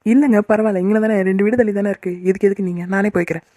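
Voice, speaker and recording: A quick-tempered young wife in a cartoon who flares up at any teasing, voiced by a woman. She speaks extremely fast and sharply. The sound is dry and close. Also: medium pitch, no room sound, natural voice. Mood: calm. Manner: huffy, sharp-tongued. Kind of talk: cartoon voice acting.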